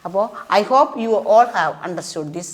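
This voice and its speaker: A woman explaining a grammar lesson as a teacher, asking questions and answering them herself in an animated way. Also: mid-range voice, very slow. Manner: animated, asks and answers her own questions. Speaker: English teacher.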